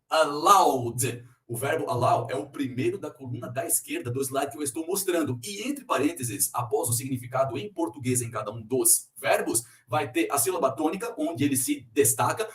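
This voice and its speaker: Lively-voiced man teaching English pronunciation. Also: a little high, reverberant, distant mic. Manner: explains slowly and repeats example words. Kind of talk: recorded online lesson.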